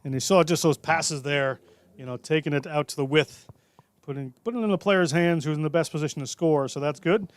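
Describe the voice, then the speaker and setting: A man calling live rugby play-by-play in a brisk, jokey way. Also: on the high side, no room sound. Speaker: play-by-play commentator.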